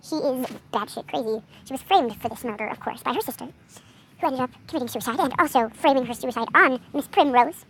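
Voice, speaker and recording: High-voiced chatty young woman. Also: brisk, a bit bright, a little hiss or hum. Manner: chatty, easily distracted, rambling with fillers. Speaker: vlogger showing her character drawings. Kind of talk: casual chat.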